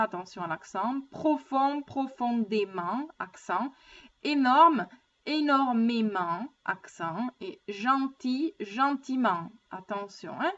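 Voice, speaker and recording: A woman teaching a grammar lesson, speaking slowly and carefully and often checking in with her listeners. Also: on the high side, fairly bright tone, dull audio. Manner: slow, careful, checks in with "d'accord?". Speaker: French teacher.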